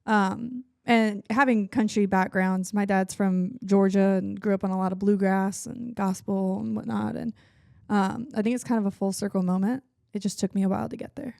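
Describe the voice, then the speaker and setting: Raspy low-voiced young woman with vocal fry. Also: steady tone, moderate pace, mellow, no room sound, studio quality. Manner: trails into vocal fry at sentence ends. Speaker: country singer guest. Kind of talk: casual chat.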